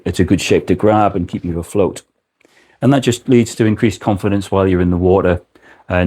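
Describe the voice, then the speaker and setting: A man's voice: deep voice, mellow. A man giving an informal product explanation as a presenter, speaking indoors in a shop.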